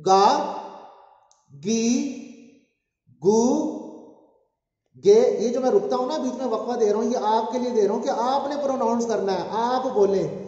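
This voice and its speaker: High-voiced teacher in an echoey room. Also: male voice, fast talker, dark tone. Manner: coaxing, calls for repeating aloud. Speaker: language teacher. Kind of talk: spoken language lesson with drills. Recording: dull echoey room, long reverb.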